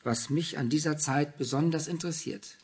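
A man voicing an earnest, self-assured young man who speaks calmly and directly. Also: on the high side, normal speed, slightly rough, pitched above the performer's own voice.

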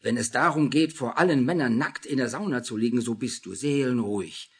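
A man voicing a pushy, excitable young woman, insistent and gushing, with a husky, gravelly voice. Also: mid-range voice, fairly quick. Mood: scolding. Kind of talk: audiobook reading.

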